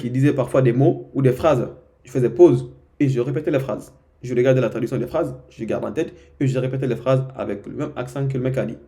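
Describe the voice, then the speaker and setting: Young man from guinea, informal vlog advice, mellow dark voice, repeats himself. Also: medium pitch. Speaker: vlogger giving language tips. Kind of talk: casual direct-to-camera advice.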